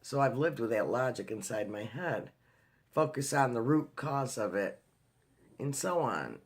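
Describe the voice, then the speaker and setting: A man's voice: mid-range voice, animated, a little slow, husky. A man talking in a casual video diary, telling a personal story in a chatty way with lots of fillers and restarts. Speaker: vlogger.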